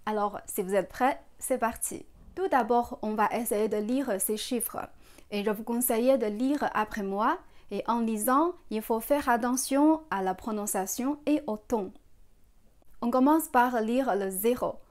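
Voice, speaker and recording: A woman's voice: fairly high pitch, measured pace. A woman teaching a beginner language lesson, patiently coaching viewers to repeat after her and praising their efforts. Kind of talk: step-by-step pronunciation lesson.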